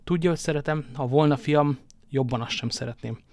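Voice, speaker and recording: A man reading an audiobook and voicing a grave, brooding older nobleman who speaks in a measured, somber and sometimes hushed way. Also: on the high side, dry recording, natural voice.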